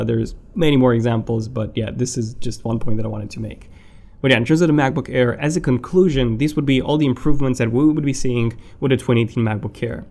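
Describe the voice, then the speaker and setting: Tech host, man, average pitch, conversational and rambling with "uh"s, voice a bit worn and hoarse. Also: darkish tone. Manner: conversational, thinking aloud with fillers and restarts. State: voice going hoarse. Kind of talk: casual tech commentary to camera.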